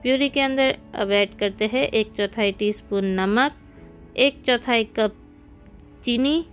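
A woman hosts a cooking video and narrates each recipe step in a friendly, guiding voice-over. Her voice sits fairly high. Faint background music plays under her. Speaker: cooking channel host.

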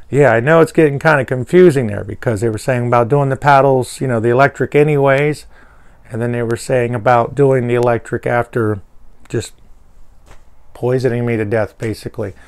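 A man's voice: medium pitch, clear, resonant tone. A man casually telling a personal story to camera, rambling with fillers and restarts. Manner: animated when quoting people. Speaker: vlogger.

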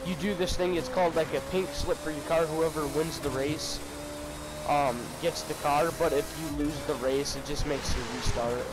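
A young man chatting casually with friends while playing a racing game, excited and swearing casually. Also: on the high side, normal speed, rough recording. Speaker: gamer recording a party chat. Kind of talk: casual chat over game play. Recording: game music under the voice.

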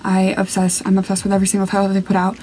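A young woman talks excitedly to her viewers in a music reaction vlog, her voice in a middle register. She gushes and rambles breathlessly and leans on fillers. A faint hum sits behind her. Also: mid-range voice, rapid-fire, rough recording. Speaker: reaction video host.

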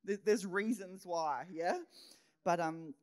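A middle-aged woman preaching a sermon in an animated way, acting out her own thoughts and dropping into whispered asides. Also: fairly low pitch, slow pace. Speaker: pastor.

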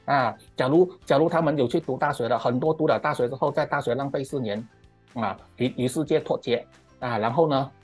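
A man's voice: medium pitch, a little fast, a little mellow, breathy edge, faint music behind. A middle-aged man with a Malaysian Mandarin accent gives an emphatic, ranting commentary on current affairs, stretching out "ah" particles and mixing in English words. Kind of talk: opinionated monologue commentary.

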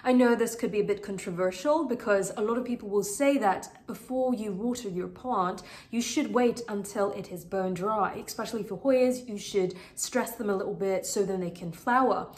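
A houseplant channel host speaks at a moderate pace with few pauses, her medium-pitched voice a little mellow and still recovering from illness. She's doing a casual product review to camera, earnest and chatty with many fillers. The setting is a bright living room full of plants, recorded with an echoey, roomy home-room sound.

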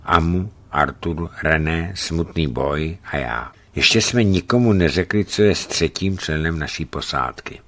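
A man reading a travel book aloud in calm storytelling narration. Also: very deep voice. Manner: calm storytelling, lifts his voice for quoted speech.

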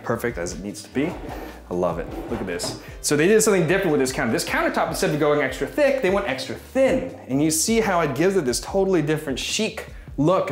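A man in his thirties giving a casual walk-through home tour as a gushing, admiring real estate agent. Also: mid-range voice. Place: inside rooms of a modern house, briefly on its balcony.

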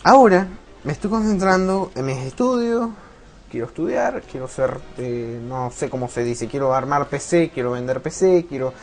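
A man's voice: medium pitch, animated, moderate pace, darkish tone. Rambling, foul-mouthed Rioplatense teen boy. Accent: Rioplatense Spanish. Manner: rambling, swears a lot. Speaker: gameplay commentator. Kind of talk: rambling let's-play chat. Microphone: loose desk mic that keeps slipping.

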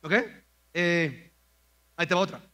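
Bright-voiced Mexican pastor, playful. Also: male voice, on the high side, clear, resonant tone. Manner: playful, jokes with the congregation; acts out comic prayers in slow exaggerated voices. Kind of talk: sermon. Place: church auditorium.

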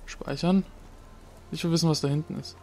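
A man's voice: on the high side, steady tone, brisk, a little mellow. A young man casually commenting on his gameplay, swearing and mocking himself while talking to the game. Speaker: let's play gamer. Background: game music.

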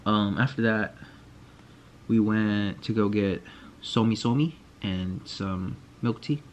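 Filmed close up on his phone inside a small walk-in closet, a young man casually rambles through his day for his vlog, full of slang. His voice is fairly low and steady, he talks slowly, and the lo-fi sound carries slight background noise.

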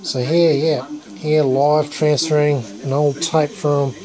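An Australian man chatting casually and enthusiastically as a vlogger, with a halting delivery. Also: on the high side, flat delivery, poor audio. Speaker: YouTube vlogger. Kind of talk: casual chat over footage being filmed. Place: dim cluttered room at home, indoors. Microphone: handheld camera, held by the speaker. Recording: TV chatter behind the voice. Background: television playing old tape.

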